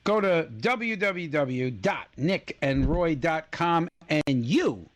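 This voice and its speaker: A man co-hosting a comedic trivia podcast, telling odd facts with a jokey, drawn-out delivery. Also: fairly high pitch, expressive. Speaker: podcast co-host.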